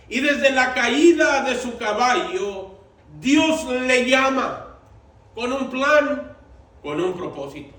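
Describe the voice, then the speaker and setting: A man preaching a sermon as pastor, slow and deliberate, repeating his phrases for emphasis. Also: very high voice, fairly bright tone. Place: church sanctuary. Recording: echoey church room, mic at a distance.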